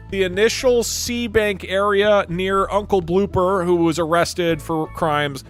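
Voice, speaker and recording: Man streamer, joking deadpan, higher voice, quiet music behind. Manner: playful, deadpan joking, laughs often. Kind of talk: casual gameplay commentary.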